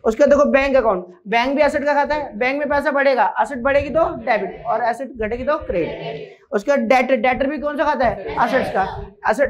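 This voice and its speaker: A man with a high voice leads an accounting lesson, drilling each rule through repetition and quick quizzing of his students. The recording sounds dull and lo-fi. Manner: drills rules by repeating them and quizzing students. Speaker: accounting teacher. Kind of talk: classroom lecture.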